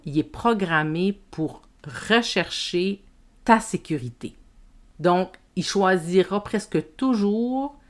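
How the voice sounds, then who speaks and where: A woman with a Québécois French accent hosting a self-help podcast, speaking to the listener in a gentle, reflective way. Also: mid-range voice. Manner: slow, gentle, addresses the listener as tu. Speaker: podcast host and women's coach.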